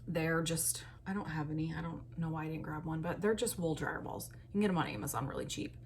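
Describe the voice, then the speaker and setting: A woman's voice: sits low, steady tone, fast talker, darkish tone, slight background noise. A woman, chatting casually and rambling through money-saving tips in a lifestyle vlog. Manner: chatty, rambling, self-deprecating, fillers like "like". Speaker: lifestyle vlogger.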